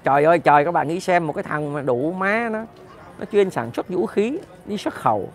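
A man's voice: on the high side, lively intonation, a little fast. A man ranting heatedly to his viewers in a profane, direct monologue. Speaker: political commentator.

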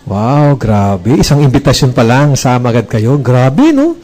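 A man giving an animated motivational talk to a live audience. He jokes, quizzes the crowd and acts out bits of dialogue. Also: medium pitch, measured pace, poor audio. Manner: joking, asks the audience questions, acts out dialogue. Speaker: speaker at a business presentation.

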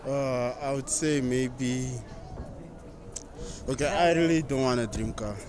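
A man's voice: medium pitch, fairly even intonation, takes it slowly, music in the background. A young man giving hesitant, mumbled answers in a casual street interview. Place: outdoor market square. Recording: crowd noise outdoors.

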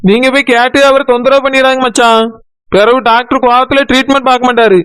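A man's voice: very high voice, fairly even intonation, quick pace, a bit bright, clean tone, no room sound. A man voicing a sly son-in-law with a Tirunelveli Tamil accent in a village cartoon. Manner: sly, placating talk. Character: scheming young son-in-law covering a lie. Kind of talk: cartoon voice acting.

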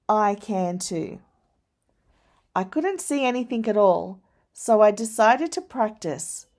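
A woman reads a children's picture book aloud at an unhurried pace. Her voice is mid-pitched and expressive, rising for the scary moments. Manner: slow, deliberate storytelling. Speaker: storyteller.

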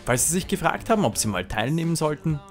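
A man reads a scripted voice-over for a sailing event report. His pitch moves in a lively, animated way. Music plays clearly behind him. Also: quick pace. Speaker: narrator.

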